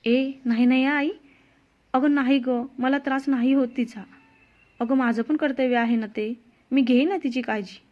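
A woman voicing an excitable, childish young husband who pleads insistently in a storybook reading. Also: a little high, normal speed, lightly acted. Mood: pleading. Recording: dull lo-fi sound.

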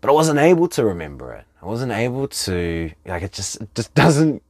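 A man coaching in a webinar talk, animated, acting out the people he quotes with big jumps in pitch. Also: normal speed, no echo. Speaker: relationship coach.

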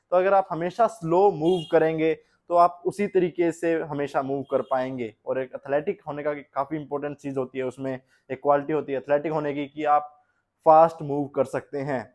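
Young male fitness coach, slightly high voice, steady plain explainer, home gym, camera a few meters away. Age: young adult. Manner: plain, steady explaining with Hindi-English mix. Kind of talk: instructional fitness talk. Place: small home gym with posters, indoors.

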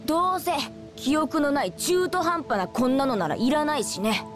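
A woman's voice: high voice, big pitch swings, moderate pace. A woman voicing a skeptical young boy spirit in a video game, with casual, blunt, boyish delivery. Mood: sulky, sardonic. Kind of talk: Japanese RPG cutscene voice acting. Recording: game soundtrack music behind.

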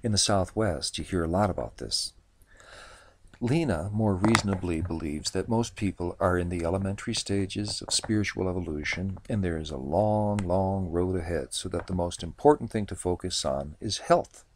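A man's voice: sits low, moderate pace, a little hiss or hum. A man narrating a first-person novel with a wry, sardonic manner.

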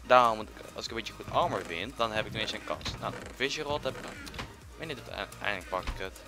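A young man giving casual, excitable commentary while playing a game, jumping between loud outbursts and quiet muttering. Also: fairly low pitch, quick pace, over music. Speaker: gaming YouTuber.

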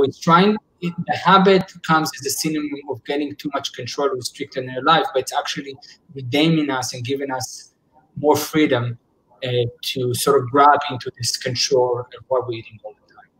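A man's voice: medium pitch, fairly even intonation, normal speed, a bit bright, slight background noise, poor audio. A man in his forties, a psychologist, talking earnestly on a video call, often restarting his sentences as he searches for words. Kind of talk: casual video call discussion. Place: indoors at home. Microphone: laptop webcam on a video call.

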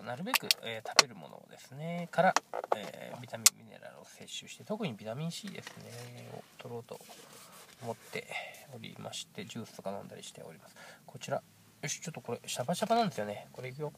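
A man in his thirties with a nasal, stuffy-nosed voice from a cold, giving a casual, halting food review to camera. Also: mid-range voice, big pitch swings, gravelly, very noisy. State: congested with a cold. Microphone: camera at arm's length.

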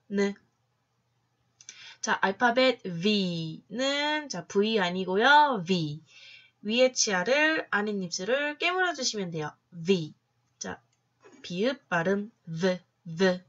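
A woman's voice: mid-range voice, a bit bright, dull audio. A woman teaching English phonics in an online lesson, coaxing and teacherly, drawing out each sound. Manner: chirpy teacherly coaxing, drawn-out syllables.

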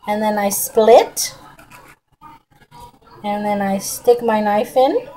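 A woman's voice: on the high side, dark tone, poor audio. Chatty woman cooking at home. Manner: chatty and folksy, addresses viewers as y'all. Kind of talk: casual cooking demonstration. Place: home kitchen. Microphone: camera close on the counter.

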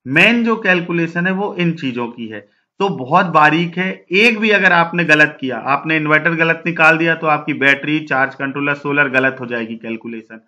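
A man teaches a technical lesson in a steady, explanatory way, walking through worked examples one step at a time. His voice sits a little high and comes across very bright and sharp. The recording is somewhat dull and lo-fi. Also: moderate pace. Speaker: solar instructor and channel host.

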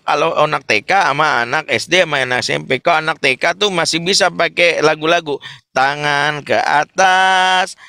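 A man giving an Islamic parenting talk in a webinar, animated and humorous as he acts out everyday examples. His voice sits a bit high and sounds bright and forward. The sound is dry and close, with no room echo. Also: gravelly.

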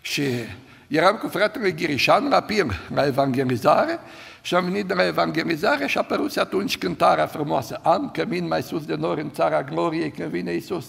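Older guy preaching, kinda high and raspy, echoey church hall. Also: lively intonation. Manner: storytelling, swings from loud to hushed. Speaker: pastor. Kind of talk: sermon.

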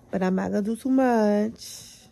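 A woman's voice: mid-range voice, creaky, warm tone, poor audio. A young woman hosting her own podcast, chatting casually and candidly about her day, swearing freely and hyping herself up. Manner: chatty, candid, profane, self-affirming. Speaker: podcast host. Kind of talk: casual solo vlog chat.

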